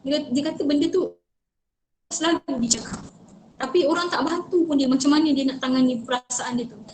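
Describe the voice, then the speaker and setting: A woman's voice: high voice, fairly quick, darkish tone, echoey room, a little hiss or hum. A woman from Malaysia giving an earnest, advisory online talk to parents over a video call, mixing English phrases into her speech. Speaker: speaker on child protection.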